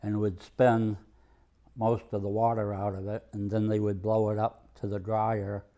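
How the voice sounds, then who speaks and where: Slow, low-key older Maine man. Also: warm tone. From Maine, USA. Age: over 65. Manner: halting, plainspoken, understated. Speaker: retired mill worker and museum volunteer. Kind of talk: oral history interview, reminiscing.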